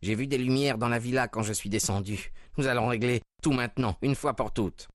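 A man's voice: mid-range voice, fairly quick, no echo, pitched above the performer's own voice, close to an everyday voice. Guy reading as a worked-up husband, raised voice, pushy and urgent, dry room. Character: agitated, determined husband, tense and urgent.

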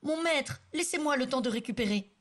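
Good-hearted storybook king, slightly raised voice, husky tone, acted by a woman narrator. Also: high voice, animated, fairly quick, pitched above the performer's own voice. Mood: feigned meek. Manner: hesitant when disguised, firm when revealed. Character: just, kind king in peasant disguise.

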